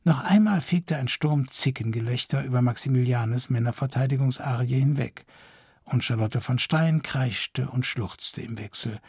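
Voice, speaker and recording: Gravelly, husky male audiobook narrator. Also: mid-range voice, moderate pace, darkish tone, no room sound. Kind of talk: scripted narration of a satirical historical novel.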